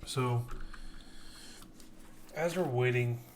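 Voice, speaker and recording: Drawing out his words at a medium pitch, this man casts an esports tournament on a live stream in a casual, late-night chatting style. He keeps putting himself down and saying sorry. Keyboard clatter is clearly audible in the background.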